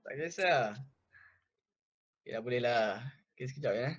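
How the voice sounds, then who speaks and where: A young man teaching a relaxed language class, explaining phrase by phrase and repeating words slowly. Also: medium pitch, highs cut off. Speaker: Mandarin language tutor.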